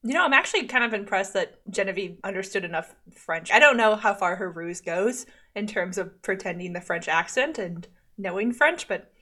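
A woman's voice: mid-range voice, animated, moderate pace, hardly any pauses, sharp tone. A woman co-hosting a podcast, chatting casually about a TV episode, with many "like" fillers and frequent laughs. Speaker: podcast co-host. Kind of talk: casual chat recapping a TV episode.

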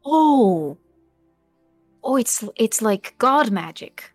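A woman's voice: fairly high pitch, very animated, extremely slow, no echo, faint music behind. A woman playing a tabletop game, improvising casual in-character chat in a hesitant, tentative way.

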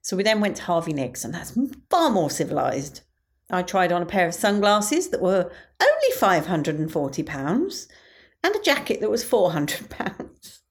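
A woman's voice: fairly low pitch, sing-song, normal speed. A woman with a British accent, chatting through an audio diary as a podcast host. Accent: British English.

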